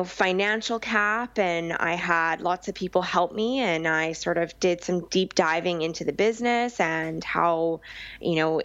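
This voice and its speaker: A woman's voice: fairly low pitch, no room sound, lo-fi sound. A young woman from Vancouver Island, chatting as an interview guest about her business, with frequent ums and restarts. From Vancouver Island, Canada. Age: young adult. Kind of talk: conversational interview.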